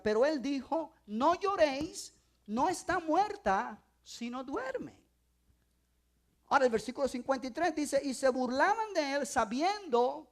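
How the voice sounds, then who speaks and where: A high-voiced woman preaching in a church with a lively, swooping pitch. She is emphatic and hammers key phrases again and again. Her voice builds to loud declarations. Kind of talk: sermon.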